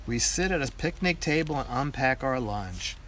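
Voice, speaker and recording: An older man with a grandpa voice reads a children's picture book aloud in a deliberate storytelling manner. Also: mid-range voice, animated, fairly bright tone, a little hiss or hum.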